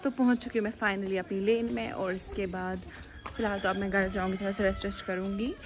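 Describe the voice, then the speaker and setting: A woman's voice: mid-range voice, level tone, brisk, over music. Young woman vlogging on her phone. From Kashmir. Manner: chatty, narrating her day to camera. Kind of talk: casual vlog chat. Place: outdoors on streets, in a cafe and at home. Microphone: phone at arm's length.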